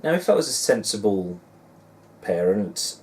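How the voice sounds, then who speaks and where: A man's voice: fairly low pitch, big pitch swings, a little slow, darkish tone. A man in his forties with a Suffolk English accent, chatting casually in a rambling, self-deprecating and musing way, as in a personal vlog. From Suffolk, England. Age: 40s. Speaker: dad blogger and vlogger. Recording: distant mic with faint background noise.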